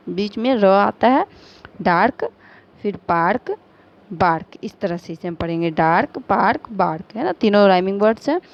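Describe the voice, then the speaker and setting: A woman teacher with an Indian accent giving a recorded lesson, patiently spelling out words letter by letter and mixing Hindi with English. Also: medium pitch. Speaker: school teacher. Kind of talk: recorded online class lesson. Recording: slightly dull lo-fi audio with faint noise.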